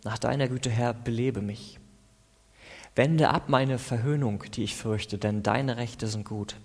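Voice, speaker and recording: A man of middle pitch reads psalm verses as a devotional, calm and deliberate. Between the verses he breaks off to explain in an easy, conversational tone. His voice carries a long reverb, as if recorded in a large hall. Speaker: preacher. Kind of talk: devotional Bible reading and commentary.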